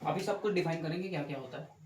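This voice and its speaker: A man teaches physics in a classroom lecture, explaining step by step and often asking whether it is clear. His voice sits a little high. The room is echoey, with a faint hiss of ambient noise behind him. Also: very fast, darkish tone. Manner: explains step by step, asks rhetorical checks, corrects himself. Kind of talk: classroom lecture with board drawing.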